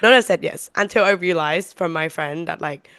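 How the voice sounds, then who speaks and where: A woman's voice: on the low side, a little fast, a bit bright, dry recording. A young woman from Thailand, co-hosting a podcast in casual chat, chatty and laughing often. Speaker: podcast co-host.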